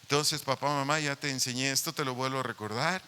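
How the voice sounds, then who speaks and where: A man's voice: medium pitch, steady tone, quick pace, sharp tone, clean tone. A man preaching a sermon as pastor, emphatic and repeatedly addressing the parents directly. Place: church meeting hall.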